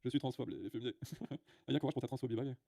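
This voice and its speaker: Fast-talking man ranting on a livestream. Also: mid-range voice, steady tone, creaky, dark tone, no room sound, clean studio sound. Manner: blunt, many filler sounds and restarts, talks straight to viewers. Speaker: livestream host. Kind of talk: casual livestream rant.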